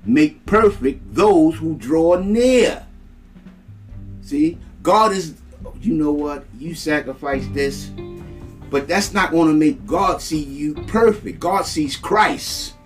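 A male preacher delivers a slow, emphatic sermon and keeps circling back to repeat his points. His voice sits a little high for a man. Soft guitar plays faintly behind him.

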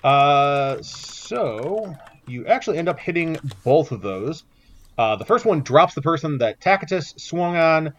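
A man's voice: a little high, big pitch swings, measured pace. Man narrating a tabletop game. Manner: descriptive, with many fillers. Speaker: game master. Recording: dull lo-fi sound.

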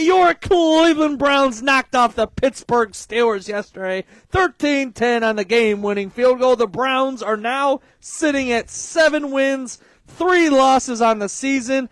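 A man in his thirties co-hosting a casual sports talk show, excitable and swearing, often shouting with excitement. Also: very high voice, slow pace, dry recording. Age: 30s. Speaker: podcast co-host.

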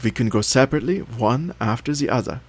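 A man's voice: mid-range voice, lively intonation, quick pace, breathy edge, pitched above the performer's own voice. A man voicing a clever, brave young girl in a fairy tale reading. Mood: earnest.

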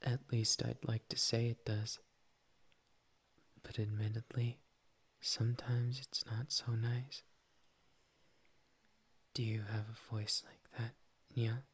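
A man's voice: mid-range voice, level tone, slow, pauses often, breathy edge. A man voicing a shy, playful young male cat boy in a whispered ASMR roleplay, tender and teasing, slipping "nya" into his talk. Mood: wistful. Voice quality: soft whispery delivery.

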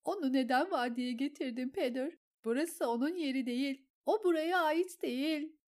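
A woman doing a shrill, hysterical jealous noblewoman. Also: very slow, mellow. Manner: shrieking, sobbing, pleading.

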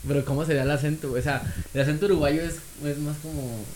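A man's voice: on the high side, steady tone, fast, a little mellow, a little hiss or hum, rough recording. Slangy Mexican man, casual chat. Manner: slangy, peppers talk with "güey". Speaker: podcast co-host.

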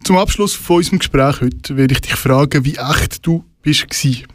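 A man hosting an interview, attentive and quick with short affirmations. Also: on the high side, no room sound, clean studio sound. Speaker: interview host.

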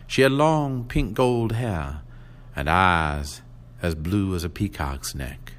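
A man reading a short story aloud with expressive, deliberate storytelling. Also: lowish voice. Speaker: reader.

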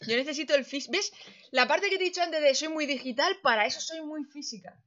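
A woman hosting a casual podcast chat, lively and colloquial, laughing often. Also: sits high, fairly quick, dull audio. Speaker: host.

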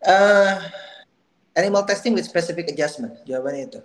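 A man's voice: sits high, fairly quick. A man, a doctor and researcher, talks casually as a podcast guest, explaining at length with small restarts and hedges. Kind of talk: casual conversational interview.

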